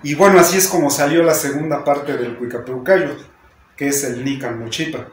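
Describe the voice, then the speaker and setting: A man's voice: fairly high pitch, normal speed, roomy sound, slight background noise. A man with a Mexican accent teaching a class, explaining patiently and often ending sentences with a questioning "¿no?". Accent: Mexican Spanish. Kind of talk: lecture to a class.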